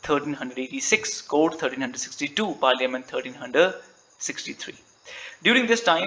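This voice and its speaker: A man's voice: on the high side, bright, forceful tone, slight background noise. A man with an Indian English accent teaching an exam-prep literature lecture, often asking questions and answering them himself and ending lines with "right?". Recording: echoey room.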